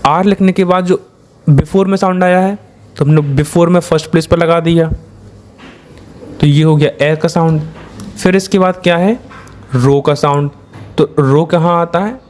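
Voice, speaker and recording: A man's voice: a little high, fairly even intonation, moderate pace, long pauses, a little mellow. Indian man teaching step by step. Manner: explains step by step, asks and answers his own questions. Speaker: shorthand teacher. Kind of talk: classroom-style lesson.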